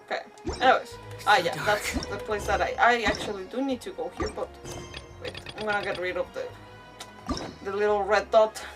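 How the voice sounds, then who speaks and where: In this casual livestream, a woman talks at normal speed with a mid-range, fairly even voice, commenting on her gameplay in a rambling, hesitant manner and swapping in mild substitute swearwords. Faint game music is audible behind her distant mic.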